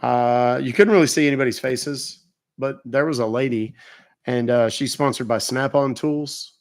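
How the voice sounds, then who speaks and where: A man's voice: medium pitch, normal speed. Brief: casual male streamer, talks straight to chat, loose and rambling. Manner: chatty, thanks viewers, rambling asides. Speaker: scam-baiting livestream host.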